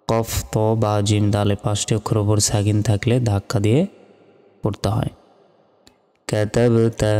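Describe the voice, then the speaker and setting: Male Quran reading tutor, deep smooth voice, flat steady delivery, reverb and faint music behind. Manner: slow, measured letter-by-letter spelling. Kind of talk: spelling out Arabic letter by letter.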